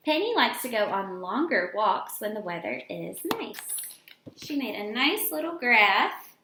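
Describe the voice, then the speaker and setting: A woman teacher reads aloud to young children in a sing-song, unhurried manner, her slightly high voice pushed and bright. Between pages of the picture book she offers simple explanations, all captured in an echoey room.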